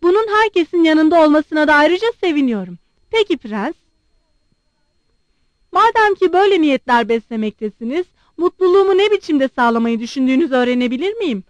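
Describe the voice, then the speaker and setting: A woman reading aloud and voicing a proud, blunt young woman who questions her suitor sharply and quickly. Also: high-pitched, big pitch swings, no echo, pitched above the performer's own voice. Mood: sharp demanding.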